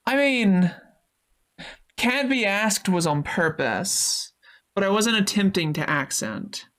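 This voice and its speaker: Reading through chat on a casual live stream, a female Twitch streamer thanks her viewers and swears liberally. She talks at a slow pace in a medium-pitched, fairly bright, animated voice.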